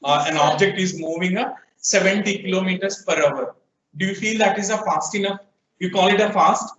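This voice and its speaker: A man's voice: sits high, extremely slow, fairly bright tone. A man with a Telugu accent teaching programming in a classroom lecture, questioning his students and prompting them to answer. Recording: echoey room, distant, dull lo-fi sound.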